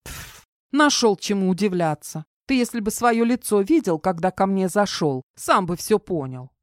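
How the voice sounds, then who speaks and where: A woman reading an audiobook, voicing a jumpy, sharp-tongued young woman who gabbles fast and snaps back. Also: medium pitch, expressive, dry recording, clean studio sound, pitched above the performer's own voice, natural voice. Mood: snappy. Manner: rapid, flustered, snapping.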